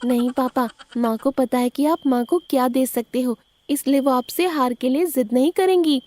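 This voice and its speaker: A woman voicing a cheeky, outspoken young daughter in an animated cartoon, with a lively, teasing manner. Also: high-pitched, normal speed, natural voice. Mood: chatty.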